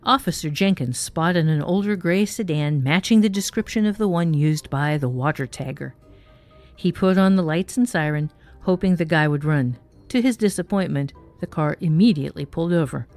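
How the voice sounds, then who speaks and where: A woman narrating a short story, giving the characters their own voices. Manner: expressive, voices characters with raised pitch.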